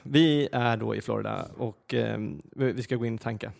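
A man telling a personal story in a casual podcast chat, animated and full of fillers and restarts. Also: mid-range voice, creaky, over loud music.

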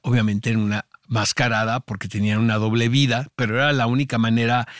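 A man co-hosting a relaxed podcast in a mid-range voice, rambling through his thoughts with plenty of fillers. The sound is dry and close, with no room echo. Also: medium pitch, quick pace. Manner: rambling, many fillers and restarts. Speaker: podcast co-host. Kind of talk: casual chat reviewing series.

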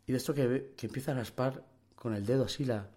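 Man, Spain Spanish accent, young adult, casual anecdote, slangy, rambling, mid pitch. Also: fast, warm tone. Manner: rambling, slangy, full of fillers and mouth sound effects. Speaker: storyteller.

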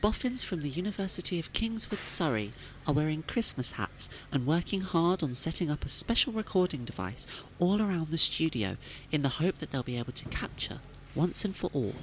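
A woman's voice: low voice, very animated, normal speed, slight background noise, rough recording. A woman playing a polite, gushing radio chat show presenter in a comedy parody. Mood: presenterly.

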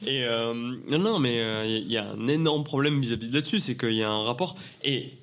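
A man's voice: mid-range voice, brisk. A man co-hosting a podcast, joking around in casual chat. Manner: animated, joking banter. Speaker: podcast co-host.

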